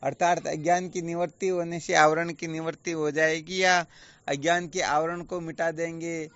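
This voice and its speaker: A man's voice: fairly high pitch, flat delivery, moderate pace, fairly bright tone. A man acting as a spiritual teacher, giving a patient, explanatory online discourse full of rhetorical questions. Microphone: video call. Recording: dull lo-fi online call audio.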